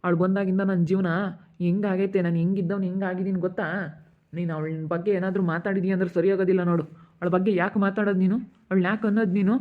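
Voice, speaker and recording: A woman's voice: fairly low pitch, level tone, fast, close to an everyday voice. A woman playing a protective young husband who scolds and threatens his sister. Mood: angry. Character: young married man, protective and hot-tempered. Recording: tinny phone-like audio.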